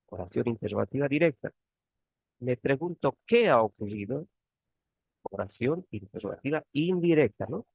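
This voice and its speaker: Guy explaining grammar online, lots of tag questions, a bit gravelly. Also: mid-range voice, no room sound. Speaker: teaching assistant.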